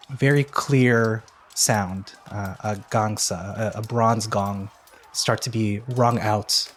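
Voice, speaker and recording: A man narrating a tabletop game as game master, with many pauses and fillers. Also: lowish voice, noisy background. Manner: hesitant, filler-heavy narration.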